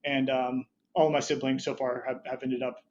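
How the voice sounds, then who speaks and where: A man's voice: medium pitch, flat delivery, normal speed, darkish tone, dull audio. A man in his thirties, a startup founder talking as a podcast guest, rambling with many restarts and short laughs. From Budapest, Hungary, raised there as an American. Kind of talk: casual interview chat.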